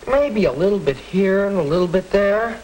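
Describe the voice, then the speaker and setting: An eager, wholesome teenage boy in a 1940s family drama. His high voice jumps around with lively intonation in a stagey, scripted delivery. The vintage soundtrack has a faint crackle. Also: moderate pace. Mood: earnest, helpful. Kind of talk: stagey scripted 1940s educational film acting.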